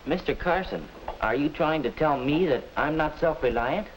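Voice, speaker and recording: A man's voice: a little high, animated, moderate pace, close to an everyday voice. A man acting as an earnest, polite young student in a 1950s educational film, thinking things through aloud. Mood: questioning. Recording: crackly old 1950s film soundtrack.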